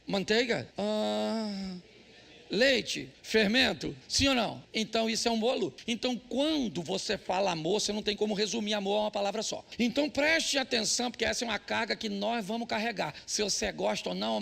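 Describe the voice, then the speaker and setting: A man's voice: high-pitched, vocal fry, bright, forceful tone. A middle-aged man with a Brazilian Portuguese accent, preaching a humorous sermon in church, teasing the congregation and acting out quoted voices. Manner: joking, teasing the audience, shifting into quoted voices. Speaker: pastor.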